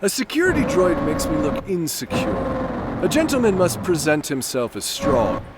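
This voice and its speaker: Pompous, swooping gentleman space adventurer. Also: on the high side, huge pitch swings, moderate pace, heavy background noise. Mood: imperious exasperation. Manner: pompous, theatrical, florid old-fashioned speech. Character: pompous, vain self-proclaimed gentleman space adventurer, easily exasperated. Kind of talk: scripted comedic audio drama.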